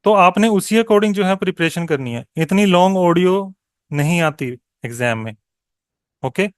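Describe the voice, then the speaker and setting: A male exam coaching tutor with a higher, smooth, clear voice and lively intonation gives an online exam-prep lesson, mixing Hindi and English and checking in often with "okay?" He slows down deliberately when modelling answers, and the studio-quality recording has no room sound.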